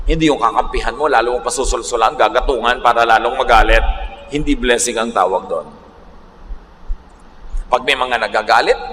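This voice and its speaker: A man pastor preaching a sermon, moving between Tagalog and English and slowing down to read scripture. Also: medium pitch, bright, forceful tone. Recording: echoey hall, faint background noise.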